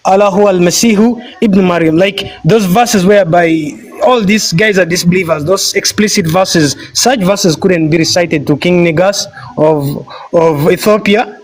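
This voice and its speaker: A man raised in Sudan, arguing in a religious debate and pausing to search for words. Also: sits high.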